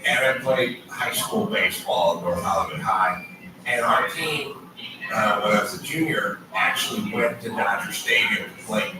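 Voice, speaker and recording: A man's voice: fairly low pitch, moderate pace, distant mic, music in the background. A man in his late fifties from the Los Angeles area, hosting a casual chat in a jokey, self-deprecating way. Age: 50s. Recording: echoey room, mic from afar, noisy.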